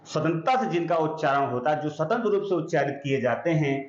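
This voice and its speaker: A man teaching an exam-prep grammar lesson, patiently spelling out sounds and often asking if it is clear. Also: fairly high pitch, lively intonation, fast. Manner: explains patiently, drawing out sounds and checking understanding. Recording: echoey room, dull lo-fi sound.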